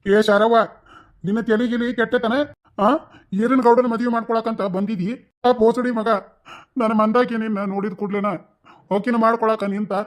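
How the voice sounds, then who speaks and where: A quarrelsome village man from a cartoon scolds bluntly, as a man acts him out. His voice sits fairly high for a man. He fires off short, gruff rebukes. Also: level tone, normal speed, natural voice. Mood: angry scolding. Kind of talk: cartoon dialogue.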